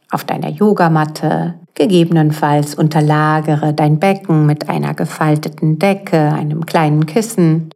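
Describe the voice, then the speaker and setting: A woman leading a guided mindfulness exercise as a yoga guide, speaking calmly and gently with unhurried pauses. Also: low-pitched. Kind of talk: guided meditation narration. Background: soft relaxation music.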